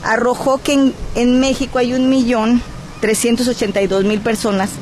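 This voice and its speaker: A woman's voice: fairly high pitch, level tone, moderate pace, a little mellow, slight background noise. A woman from Guerrero with a Mexican accent, speaking as a guest in a radio interview. She argues her case earnestly and stops often on hesitation sounds. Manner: earnest and persuasive, with frequent "eh" hesitations. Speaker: cultural advocate, interview guest.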